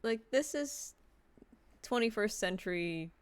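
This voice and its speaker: A woman's voice: medium pitch, animated, slow. A woman streaming a video game, chatting casually and playfully, often laughing. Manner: laughing, playful, hums and sings along. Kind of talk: casual gameplay chat. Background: faint game music.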